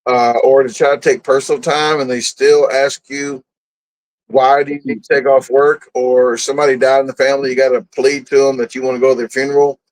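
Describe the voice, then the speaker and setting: A man's voice: mid-range voice, little pitch movement, a little fast, low-quality recording. A man, a guest telling stories in a casual interview, blunt and boastful, often laughing at himself. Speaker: guest, food and camping content creator.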